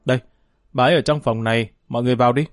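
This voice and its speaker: Man doing a brisk, chatty restaurant owner. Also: mid-range voice, fairly even intonation, no echo, studio quality, soft background music, natural voice. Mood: relieved. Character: middle-aged male restaurant owner, helpful and fussy.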